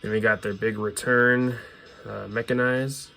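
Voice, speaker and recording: With faint music behind him, a man shows off his music collection, chatting informally and offering strong fan opinions. His voice is on the low side, creaky and sharp, with a level tone and a slightly slow pace.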